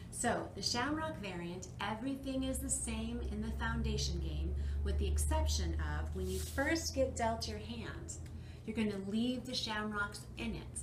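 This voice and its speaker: A woman presenting a card game tutorial, explaining the rules step by step in a plain, demonstrative way. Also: medium pitch. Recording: echoey room with clear background noise.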